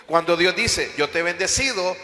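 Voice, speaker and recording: High, bright-voiced preaching pastor in echoey hall. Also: male voice, normal speed. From Honduras. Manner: preaching with repeated emphatic phrases and questions to the congregation. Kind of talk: sermon. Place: church hall.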